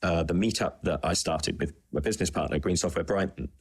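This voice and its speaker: A man co-hosting a casual podcast chat over a video call, halting and full of ums and restarts. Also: deep voice, husky. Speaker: podcast co-host.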